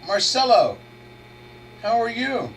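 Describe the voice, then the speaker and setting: Very high-pitched and slow, this man is battling a head cold while hosting a live trading webinar. His market commentary is casual and rambling, thought out loud with frequent sentence restarts, picked up by a distant mic over a constant electrical hum.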